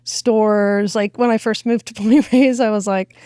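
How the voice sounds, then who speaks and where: Middle-aged woman, radio station director, chatty storyteller, even mid pitch, dry close sound. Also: a little slow, clear, resonant tone, dry recording. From Washington State. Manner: chatty storyteller, acts out quoted voices. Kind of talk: casual podcast interview.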